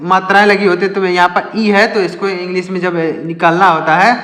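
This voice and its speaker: A man's voice: high voice, little pitch movement, fairly quick, sharp tone. A man teaching English basics, patiently repeating each point as a question and then answering it himself. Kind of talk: step-by-step lesson. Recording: echoey room with long reverb.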